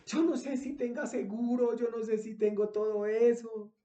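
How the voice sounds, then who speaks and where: A man's voice: very high voice, fairly even intonation, moderate pace, warm tone, roomy sound. A man voicing a young woman who is crying and pleading after a car crash, apologizing over and over in a raised, pleading tone. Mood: tearful pleading.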